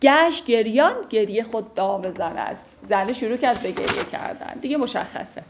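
A woman recites classical verse, then explains it line by line in lively, everyday speech. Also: on the high side. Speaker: teacher explaining classical poetry.

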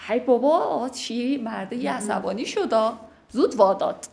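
A woman with a somewhat high voice recites old poetry in measured lines. She then unpacks each verse in casual, lively everyday speech and glosses the hard words as she goes. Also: vocal fry, a little hiss or hum. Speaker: teacher explaining classical poetry. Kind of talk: verse recitation with colloquial explanation.

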